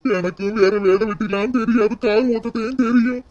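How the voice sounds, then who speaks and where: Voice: medium pitch, brisk, a little mellow, muffled recording, natural voice. A performer voicing a remorseful, broke village husband in a cartoon, with a who whines and keeps repeating his wife's name. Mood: tearful. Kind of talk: cartoon voice acting.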